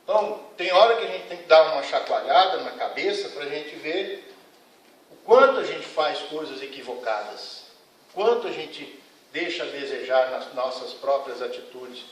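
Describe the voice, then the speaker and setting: Earnest male lecturer with a bit of a high voice, taking the room to task; recorded at a distance in a booming hall. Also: expressive, normal speed. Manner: earnest, admonishing, frank. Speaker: spiritist lecturer. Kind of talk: lecture to a congregation. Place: lecture hall of a spiritist center. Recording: echoey hall, mic at a distance.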